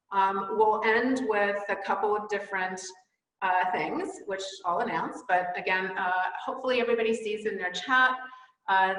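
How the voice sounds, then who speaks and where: A woman's voice: fairly low pitch, fairly bright tone. Woman hosting a gala in an echoing hall. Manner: many ums and uhs, thanking and announcing. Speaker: gala host. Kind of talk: live virtual gala hosting. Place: wood-panelled indoor hall. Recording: roomy hall with long reverb.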